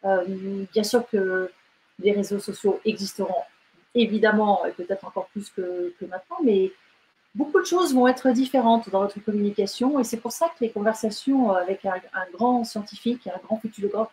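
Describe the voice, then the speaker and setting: A woman's voice: medium pitch, normal speed, dark tone, slight background noise, rough recording. A woman novelist talking casually in an interview, hesitant, with many fillers and restarts. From France and Britain. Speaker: novelist guest.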